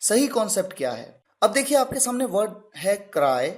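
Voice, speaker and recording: A man's voice: high-pitched, big pitch swings, normal speed. A man teaching an English grammar lesson. He spells words out letter by letter and answers his own questions. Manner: poses questions and answers them himself.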